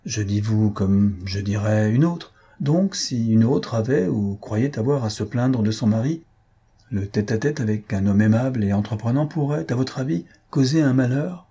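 A man's voice: mid-range voice, lively intonation, normal speed, dark tone, husky. Man putting on a needling society gossip lady. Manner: needling, indignant questions.

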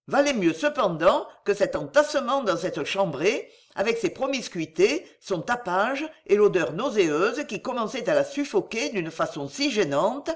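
A woman narrating a novel as an audiobook, reading expressively. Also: mid-range voice. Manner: expressive reading, acts out each character.

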